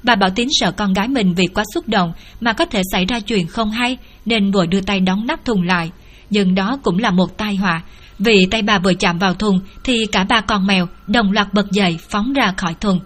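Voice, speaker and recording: A woman's voice: medium pitch, moderate pace. Woman reading a dramatic story. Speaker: narrator. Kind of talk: audiobook storytelling.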